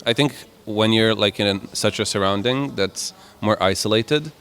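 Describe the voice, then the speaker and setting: A young man in his twenties from Croatia, answering interview questions in a relaxed, rambling way. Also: lowish voice, measured pace, smooth. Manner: relaxed, rambling with many "like" and "kind of" fillers. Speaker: musician guest.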